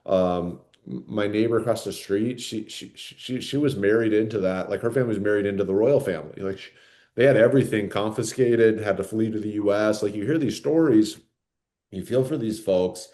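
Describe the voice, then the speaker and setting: A man's voice: fairly low pitch, fairly quick, mellow. A man co-hosting a podcast in casual chat, rambling with lots of fillers and "right?" tag questions. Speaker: podcast co-host.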